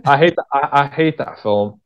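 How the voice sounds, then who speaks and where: This medium-pitched, moderately paced voice is that of a British writer-director from England, a guest in an interview. He relates stories in a relaxed conversational way, being candid and slangy. It's captured on a dull, lo-fi recording.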